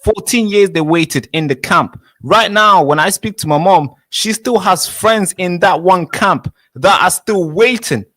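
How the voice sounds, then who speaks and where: A man's voice: high voice, a little slow, hardly any pauses, bright, forceful tone, no room sound. A man in his twenties, born in Tanzania, arguing insistently in a heated street debate and cutting in to hold the floor. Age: 20s. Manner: insistent, interrupts with repeated "wait, wait". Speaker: interviewee.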